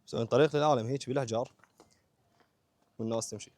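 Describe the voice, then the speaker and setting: A man's voice: mid-range voice, steady tone, very fast, a little mellow. A man with an Iraqi Arabic accent narrating a casual vlog, talking informally to viewers and companions in short phrases. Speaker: vlogger.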